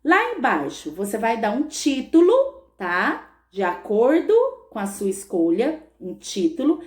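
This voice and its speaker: A schoolteacher giving a patient remote lesson to young pupils, drawing out words and checking in often. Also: female voice, a little high, sing-song, a little slow. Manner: patient, stretches words, frequent "tá bom?" check-ins. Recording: echoey room.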